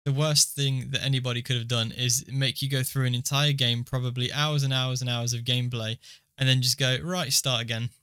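A man's voice: mid-range voice, flat delivery, fairly quick, fairly bright tone, smooth. A man co-hosting a podcast in casual chat, joking around and laughing easily. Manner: chatty, laughs easily, riffs on jokes. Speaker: podcast co-host.

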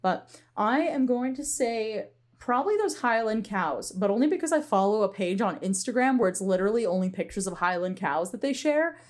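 A woman's voice: medium pitch, lively intonation, normal speed, few pauses, a little mellow. A woman co-hosting a podcast in casual chat, talkative and giggly, with lots of "like". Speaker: podcast co-host.

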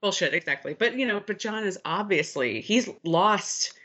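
A woman co-hosting a podcast, telling the story in a candid, expressive, casual way and swearing freely. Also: medium pitch, normal speed. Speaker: podcast co-host. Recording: slightly muffled lo-fi sound.

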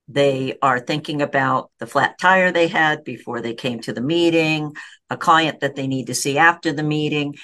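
Podcast guest, mid pitch, explains with examples in a conversational tone. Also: a bit bright. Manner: explanatory, makes points with examples.

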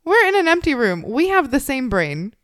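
An American woman with vocal fry, chatting casually and jokily as a podcast co-host, animated and sweary. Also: sits high, normal speed, no echo, clean studio sound. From United States, Chicago area. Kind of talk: casual, joking true-crime podcast chat.

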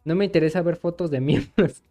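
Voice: medium pitch, brisk, dark tone. A Mexican podcast host chatting casually and crudely, joking with plenty of slang and swearing. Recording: music behind the voice. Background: music.

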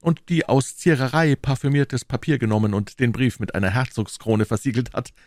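A man's voice: medium pitch, moderate pace, a little mellow, no room sound, studio quality, pitched above the performer's own voice, natural voice. A man voicing a young musketeer in an audiobook, earnest and wry with a teasing edge. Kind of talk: audiobook character voice.

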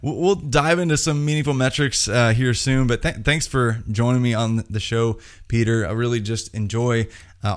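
An American man hosts a sports podcast in a conversational style. His voice sits at an average pitch for a man, and he talks as someone chatting with a guest. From Indiana, United States. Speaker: podcast host.

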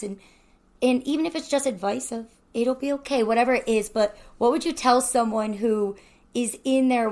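A woman hosting a casual, chatty conversational interview, recorded indoors in a wooden cabin. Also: on the high side. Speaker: podcast host, interviewer.

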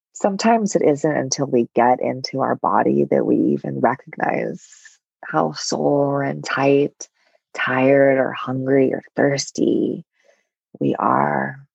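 A woman guiding a meditation in a soft, soothing voice with long pauses, at times breathy and close to a whisper. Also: very deep voice, no echo, lo-fi sound. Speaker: meditation guide. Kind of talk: guided meditation.

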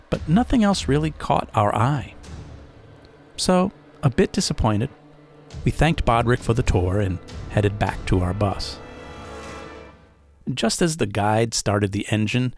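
A man narrating a first-person story as a podcast host, in a casual, chatty way with asides to the listener. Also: lowish voice.

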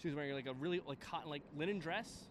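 High-voiced New man telling stories. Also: rapid-fire, a little hiss or hum. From the Bronx, New York. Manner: profane storyteller, laughs often. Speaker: guest. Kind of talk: casual chat while walking. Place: outdoors in a cemetery.

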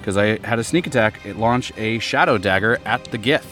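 A man's voice: fairly low pitch, fairly quick, a bit bright, soft background music. A man chatting casually as a player in a tabletop game.

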